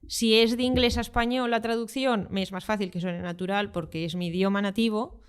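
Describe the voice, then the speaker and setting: A young woman from Spain, a football translator appearing as a guest, describes her translation work in a relaxed, conversational interview. Her voice is smooth, clear, and middle-pitched, and she often pauses on fillers while collecting her thoughts as she explains.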